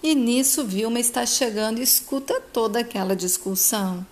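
A woman's voice: on the high side, normal speed, darkish tone. A woman casually retelling a soap opera episode, chatting and commenting on the characters. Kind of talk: casual storytelling narration.

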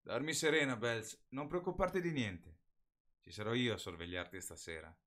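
A man's voice: mid-range voice, moderate pace, a bit bright, voice pushed up, close to an everyday voice. A man as a teasing, protective teenage boy. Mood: friendly.

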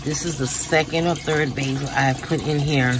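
A home renovation vlogger with a low voice speaks at a moderate pace while showing off her backyard patio and garden. Holding her phone outdoors, she chats directly to viewers and punctuates the tour with lively exclamations; outdoor ambient noise is audible.

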